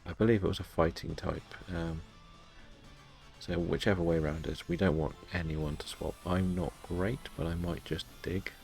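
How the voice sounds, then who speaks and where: A man with a distinctly low voice talks casually through a game on his stream. He is low-key and a little self-deprecating, chatting to viewers as he goes. Faint music plays behind him. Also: steady tone, moderate pace, gravelly, a little mellow. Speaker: live-streaming gamer.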